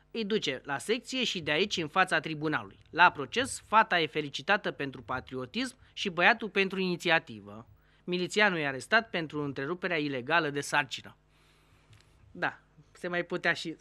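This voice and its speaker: Lively show host telling jokes. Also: medium pitch, no echo. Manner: animated, switches voices for characters in jokes.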